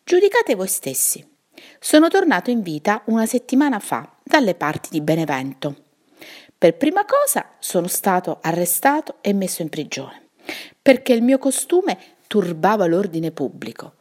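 A woman's voice: medium pitch, very animated, normal speed, darkish tone. A woman voicing a sad, talkative old male wizard in a bedtime story, wistful and self-pitying.

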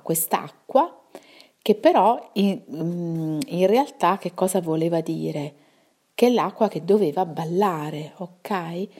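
A woman reading a bedtime story to children, gently recapping the plot for young listeners. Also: deep voice.

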